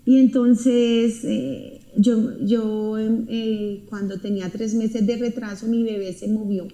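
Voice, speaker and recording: Speaking slowly, with a somewhat high, mellow voice and a flat delivery, a woman shares an emotional personal testimony. Her storytelling is earnest and intense, full of repetition, and the sound has a roomy echo.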